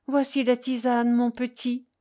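A woman reading aloud, voicing a gentle mother who soothes her sick child in a soft, coaxing way. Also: a little high, big pitch swings, takes it slowly, exaggerated voice. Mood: soothing.

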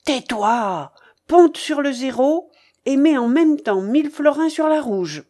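Role: bossy elderly grandmother gambler in an audiobook, put on by a woman reader, high and loud, swinging in pitch. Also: lively intonation, slow. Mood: commanding, eager. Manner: bossy, barking orders. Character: imperious old grandmother gambler, impatient and hot-tempered. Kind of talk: audiobook character voice.

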